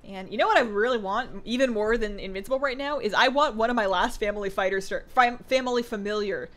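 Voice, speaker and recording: She talks fast in a mid-range voice. Playing a game on a live stream, this woman chats casually with viewers and reads their questions out loud, using "like" and "um" often, and two hours in, her voice is getting a little tired.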